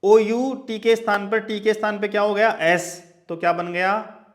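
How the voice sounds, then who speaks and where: A man teaching a class in a lecture style, with a light, high-pitched voice. He talks slowly and deliberately. He spells out example words letter by letter and keeps adding checking asides. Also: steady tone.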